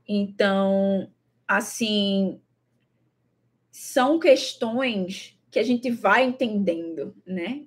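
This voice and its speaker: Speaking very slowly in a husky, medium-pitched voice, a young Brazilian woman vlogs about her travels. She talks casually to the camera in a Brazilian Portuguese accent, thoughtful, repetitive and full of fillers.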